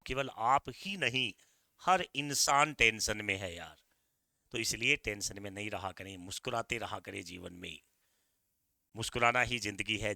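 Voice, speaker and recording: Bright, crisp Indian male physics teacher. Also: mid-range voice, dry recording, studio quality. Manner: energetic, repeats key points, coaxes students directly. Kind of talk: exam-prep physics lecture.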